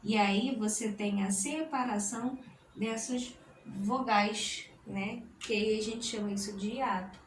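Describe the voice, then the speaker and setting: A woman teacher explains a grammar lesson, speaking deliberately and splitting words into syllables. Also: medium pitch, steady tone, far from the mic. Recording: roomy echo, voice from the mic, faint noise.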